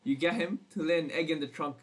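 A young man with a slightly high voice chats casually on a podcast. He is playful and teasing, and he swears freely. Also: steady tone, fast talker. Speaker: podcast co-host. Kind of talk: casual chat.

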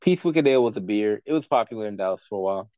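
A man's voice: on the low side, expressive, very fast, clear, resonant tone, no echo, highs cut off. A man as a podcast guest in casual chat, giving blunt, profane, rambling opinions.

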